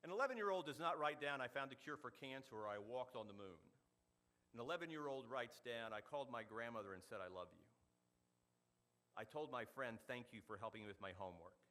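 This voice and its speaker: Middle-aged man, club speaker, quick-talking, bright forceful tone, storytelling speech. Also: mid-range voice. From Oklahoma. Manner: animated storyteller, quick delivery with punchy asides. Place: meeting hall.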